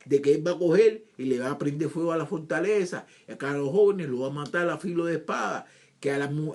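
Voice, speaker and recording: A man with a high, very lively voice leads a scripture lesson, reading a passage and then retelling it in his own words. He often repeats words and asks questions of his listeners. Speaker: Bible teacher.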